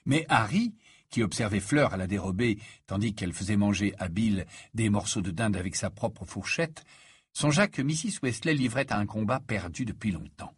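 A man reading a storybook aloud as narrator, with lively storytelling. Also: fairly low pitch, moderate pace, slightly rough, no echo. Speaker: audiobook reader. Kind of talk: scripted narration.

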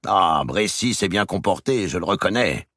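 A man reading an audiobook voices a boastful medieval knight chatting after a tournament, in a raised, hearty, creaky voice. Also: low-pitched, expressive, moderate pace, a bit bright, dry recording, studio quality, voice pushed up, exaggerated voice.

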